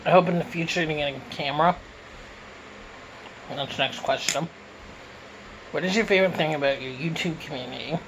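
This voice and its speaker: A man's voice: fairly high pitch, brisk, pauses often, background noise. A man from Canada answering questions in a casual mukbang Q and A, talking with his mouth full as he eats, recorded on a phone. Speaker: YouTuber answering viewer questions.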